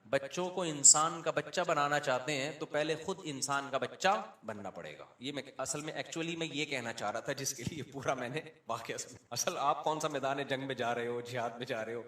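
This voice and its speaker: A man with a Pakistani Urdu accent preaching a sermon, swinging between loud emphasis and quiet asides and acting out the people he quotes. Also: a little high, reverberant. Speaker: Islamic preacher.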